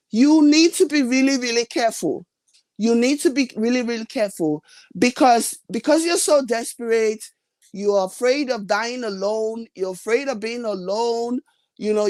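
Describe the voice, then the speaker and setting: A woman's voice: fairly high pitch, no echo. A woman ranting bluntly in a vlog, scolding her viewers with emphatic, exasperated questions. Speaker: reality TV commentator. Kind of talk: opinionated vlog rant.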